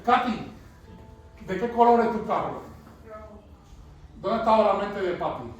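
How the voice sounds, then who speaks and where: A middle-aged pastor with a strikingly high voice preaches in a church, urging the congregation to repeat his phrases back to him. His voice rings through a very echoey hall, picked up from well away from the microphone. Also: animated, unhurried, lo-fi sound, soft background music. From Cuba. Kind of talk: sermon with call-and-response. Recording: echoey hall, voice far from mic.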